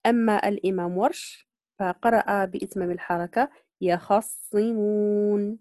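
A woman's voice: fairly high pitch, animated, warm tone, no echo, clean studio sound. Patient woman teaching Quran recitation. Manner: patient, repeats points and checks understanding; models recited words slowly. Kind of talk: online tajweed lesson.

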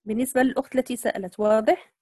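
A woman's voice: fairly high pitch, steady tone, warm tone, dry recording, studio quality. Patient woman teaching Quran recitation. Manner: patient, repeats points and checks understanding; models recited words slowly. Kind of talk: online tajweed lesson.

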